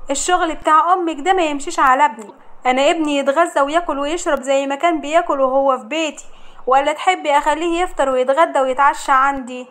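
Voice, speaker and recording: A woman's voice: high-pitched, quick pace, a bit bright. A woman voicing a domineering older Egyptian mother-in-law who scolds and gives orders. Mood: scornful. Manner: scolding, commanding.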